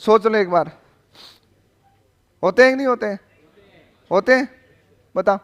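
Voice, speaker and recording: A male teacher lectures in a fairly high voice. He keeps questioning the class, repeating each question until someone answers. He teases the students with jokes along the way. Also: a little slow. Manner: joking, questioning.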